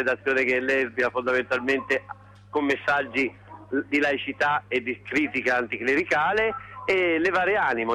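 A man's voice: mid-range voice, bright, forceful tone, slight background noise. A young man heard over the phone, reporting live into a radio show from a street march, earnest, with restarts and long lists.

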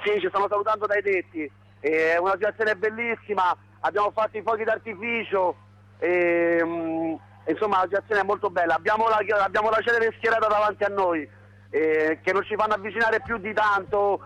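A man's voice: high-pitched, a little fast, fairly bright tone, lo-fi sound. A man reporting by phone from an outdoor protest, talking casually with many fillers. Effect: heard over the phone. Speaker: activist calling in from a protest.

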